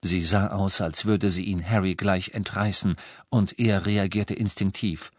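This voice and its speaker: A man narrating a novel as an audiobook, with an expressive, dramatic reading. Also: low voice, a little slow, dry recording, studio quality.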